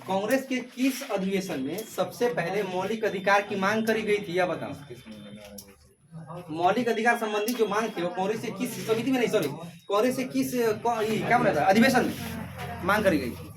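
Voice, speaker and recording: A man's voice: sits high, normal speed, far from the mic, a crowd in the background. A male teacher lecturing and drilling a class, repeating questions and calling students beta. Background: students answering.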